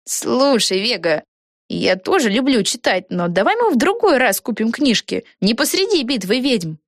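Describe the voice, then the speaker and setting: A woman's voice: a little high, very animated, normal speed, dry recording, clean studio sound, voice pushed up. A woman voicing a brash, impatient young girl in a storybook, speaking bluntly and hurriedly in a raised voice.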